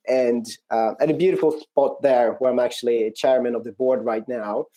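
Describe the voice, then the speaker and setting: A Swedish-accented man from rural Sweden outside Norrköping, a non-profit country manager, gives a conversational personal account as an interview guest. He's reflective and hesitant, pausing often, with a mellow, medium-pitched voice. The audio is poor.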